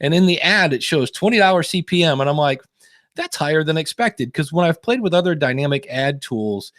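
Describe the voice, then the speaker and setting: A man chats casually on a podcast roundtable, with a wry, sarcastic way of telling his story. His voice sits a little high. The sound is close and dry, with no room around it. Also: animated, fairly quick, a bit bright, no room sound. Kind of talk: casual panel chat.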